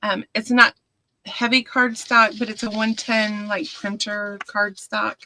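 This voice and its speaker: A woman chatting casually about crafts, talking haltingly with restarts. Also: medium pitch, level tone, sharp tone, slight background noise, poor audio.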